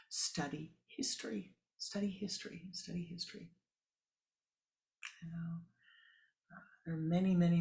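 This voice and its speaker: This spiritual teacher's sermon comes in a fairly high, darkish voice with vocal fry. Thinking aloud, he repeats words emphatically and wanders into musing asides.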